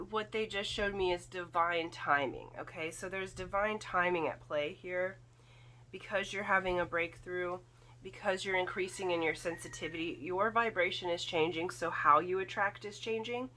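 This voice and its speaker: A woman giving a spiritual card reading in casual, halting talk, her throat slightly foggy and congested from irritation. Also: medium pitch, sharp tone, slight background noise. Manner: halting, thoughtful, often checks with "okay?". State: throat irritated by volcanic fog, occasional coughing and throat clearing. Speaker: tarot and oracle card reader.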